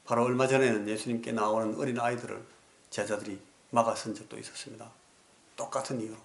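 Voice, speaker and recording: A male pastor delivering a sermon earnestly, dropping to soft pleading and rising in stories. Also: lowish voice, level tone, fast talker, gravelly, echoey room. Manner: earnest preaching that drops to soft pleading, then rises in anecdotes. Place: church sanctuary.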